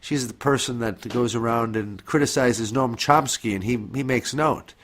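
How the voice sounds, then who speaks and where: A podcast host with a cold interviews a guest in a friendly, joking way. His medium-pitched voice is a bit bright and slightly nasal, and he keeps a moderate pace.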